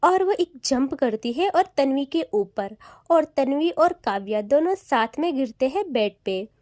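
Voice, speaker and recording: High, warm woman narrating a romance. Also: lively intonation, a little slow, no room sound. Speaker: storyteller. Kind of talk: narrating a romantic audio story.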